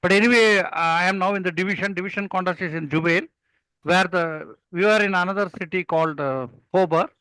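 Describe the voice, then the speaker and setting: An older man with an Indian accent, a public speaking mentor appearing as an interview guest, tells anecdotes in an emphatic storytelling style. His voice sits high, brisk, pushed and bright yet smooth, with no echo on a low-quality recording.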